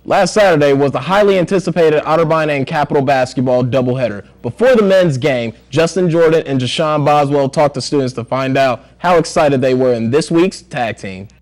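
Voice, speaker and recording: A man's voice: fairly high pitch, a little fast, few pauses, a little mellow. A man hosting a campus news show, introducing segments in an easygoing, conversational way. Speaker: news anchor.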